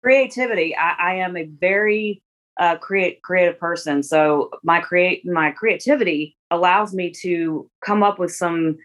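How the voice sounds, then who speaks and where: A woman's voice: lowish voice, a little slow, fairly bright tone. A woman in her forties, a guest in a casual interview, talking in a rambling way with many restarts and fillers. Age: 40s.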